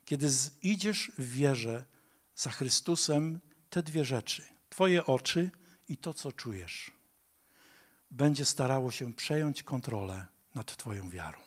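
A man's voice: mid-range voice, lively intonation, slow. A man preaching a sermon, earnest and direct, rising to emphatic appeals to his listeners.

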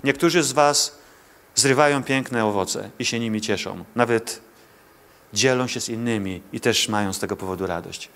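A man's voice: on the low side, moderate pace, a bit bright. A male pastor preaching a sermon to a congregation in church, speaking directly to listeners, pleading and asking rhetorical questions.

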